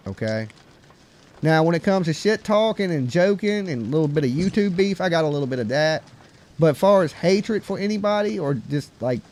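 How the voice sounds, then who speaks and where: A man's voice: a little high, darkish tone. A man with a Southern US hillbilly accent, chatting casually and rambling as the host of a live call-in stream.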